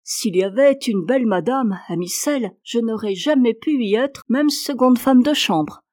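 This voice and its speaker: A woman reading aloud, voicing a frank, good-natured young country maid with a rough, homely way of speaking. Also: fairly high pitch, lively intonation, a little slow, a little mellow, dry recording, clean studio sound. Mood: matter-of-fact.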